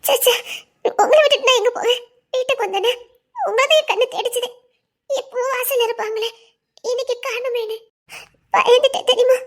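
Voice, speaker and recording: A woman voicing a gentle, forgiving young wife in an audio drama, soothing and teasing, with a Tirunelveli Tamil accent. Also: very high voice, fairly quick, pauses often. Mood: tearful.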